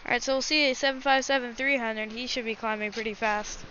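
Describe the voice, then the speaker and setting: A woman's voice: on the high side, steady tone, fast, sharp tone. A woman hosting a livestream, giving casual, chatty live commentary and speaking directly to her viewers. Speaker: livestream host. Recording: dull lo-fi mic with faint noise.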